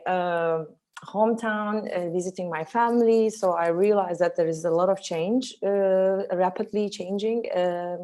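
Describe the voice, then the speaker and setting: A woman's voice: fairly low pitch, a little mellow. A woman in her thirties from Turkey, an English speaker, presenting her art project with many fillers and restarts. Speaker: artist and photographer guest. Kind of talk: presentation talk.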